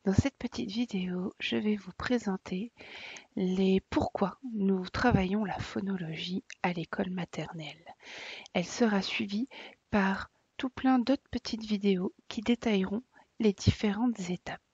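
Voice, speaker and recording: Husky soft-spoken woman teacher. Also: mid-range voice, steady tone, a little slow, no room sound. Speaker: preschool teacher. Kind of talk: explaining to parents. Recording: dull lo-fi dry sound.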